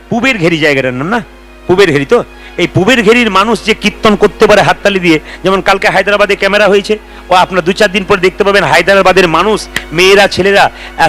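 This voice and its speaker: A man leading a devotional gathering, talking to the crowd and rousing them to chant louder. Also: high-pitched. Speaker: kirtan singer leading a gathering. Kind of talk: devotional talk and call-and-response chanting.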